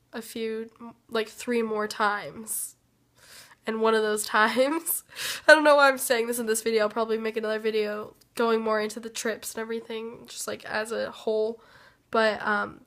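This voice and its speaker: A woman with a rather high, sick-sounding voice talks straight to her viewers in a loose, rambling update. She speaks slowly and evenly, hesitating and trailing off often. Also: a bit bright. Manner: hesitant, trailing off with many fillers. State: sick, rough voice. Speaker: vlogger.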